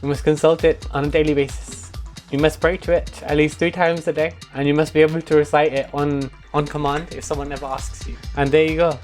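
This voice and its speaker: A man's voice: fairly high pitch, flat delivery, fairly quick, darkish tone, soft background music. A young British man streaming a mock lesson to his chat in a mock-serious manner, prone to chuckling.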